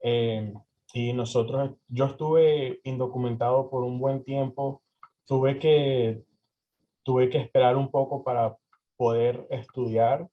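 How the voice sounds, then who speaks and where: A man's voice: medium pitch, steady tone, takes it slowly. A young man from Venezuela answering interview questions, hesitant with many fillers and restarts. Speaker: interview guest. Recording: slightly dull lo-fi audio.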